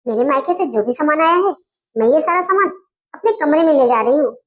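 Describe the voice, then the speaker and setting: A woman's voice: sits high, lively intonation, fairly quick. A woman playing an outspoken young wife who firmly scolds her in-laws, in a comedy skit. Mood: defiant. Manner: firm, indignant, scolding.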